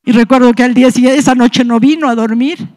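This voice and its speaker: A woman's voice: on the high side, fairly even intonation, fast talker, darkish tone. A woman with a Peruvian Spanish accent, a pastor's wife, giving an impassioned testimony in church. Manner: impassioned, storytelling with rising emotion.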